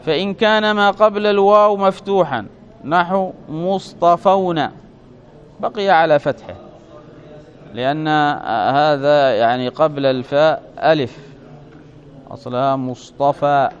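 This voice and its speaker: A man's voice: fairly high pitch, unhurried, pauses often. A man with a slightly raised voice teaching a grammar lesson. He works through each step aloud, checks with his students as he goes, and stretches out his example words. The recording sounds dull and lo-fi.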